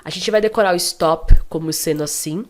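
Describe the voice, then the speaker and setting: A woman with a Brazilian accent teaching an online lesson, explaining step by step and often checking in with her students. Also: lowish voice. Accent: Brazilian Portuguese. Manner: explains slowly, spelling out letters and checking in with "tá?" and "né?". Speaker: English teacher.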